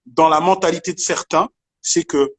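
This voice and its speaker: A man from Congo with a notably high voice debates live over a call. He is emphatic and insistent, and he restarts his sentences often. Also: steady tone, normal speed. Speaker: debate participant.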